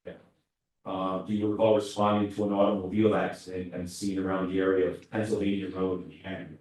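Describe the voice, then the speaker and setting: A man questioning a witness in court, asking halting questions with frequent restarts, heard as a courtroom recording. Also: low-pitched, little pitch movement, a little mellow. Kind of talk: courtroom examination. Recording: very echoey courtroom audio from far off.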